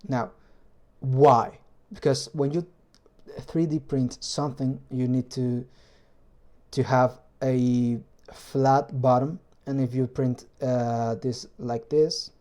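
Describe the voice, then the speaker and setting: A Spanish-accented man, Spanish being his first language, casually describes his hobby engine build in a vlog, regularly pausing to find words in his second language. He speaks at medium pitch with fairly even intonation and a darkish tone.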